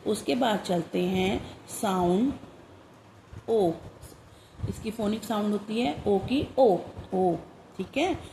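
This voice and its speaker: A woman teacher, slowly giving a phonics dictation lesson for parents and repeating each sound. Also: medium pitch, creaky, mellow, roomy sound, slight background noise, rough recording.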